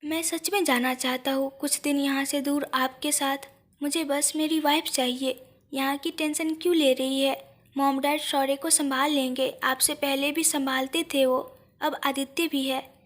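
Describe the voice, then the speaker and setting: A woman's voice: sits high, steady tone, moderate pace, lightly acted. A woman voicing a loving but frustrated young husband who pleads and mixes in English words. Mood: pleading.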